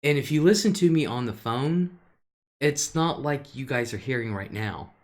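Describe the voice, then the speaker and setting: Reading out viewer comments during a relaxed live stream, an older woman talks in a deep, darkish alto, laughing frequently as she goes. Her intonation is lively and her pace moderate.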